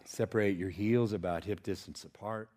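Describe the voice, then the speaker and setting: A yoga nidra teacher, male and somewhat low-voiced, guides a relaxation meditation in a soothing, calm way, measured in pace and broken by pauses.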